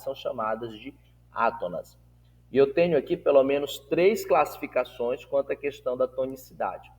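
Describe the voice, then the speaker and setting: Man, teacher, recorded lesson, spells out syllables slowly, asks students questions, reverberant hall sound. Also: medium pitch, a little mellow. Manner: slow, drawn-out syllables when modelling words; asks the class rhetorical check-in questions.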